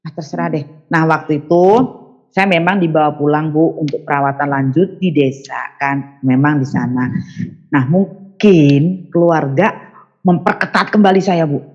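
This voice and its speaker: A woman tells her own story as an interview guest, acting out the voices of the people she quotes with big jumps in pitch. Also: fairly even intonation, normal speed, a little mellow, dull audio. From Sundanese region of West Java, Indonesia. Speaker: guest giving a testimony. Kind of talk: animated personal storytelling.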